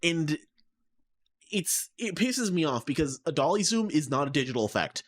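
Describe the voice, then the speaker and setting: Heard over his microphone on an online call, a man with a fairly high, sing-song voice speaks at normal speed. He's a co-host on a casual podcast, ranting in an exasperated, rambling way with plenty of filler words.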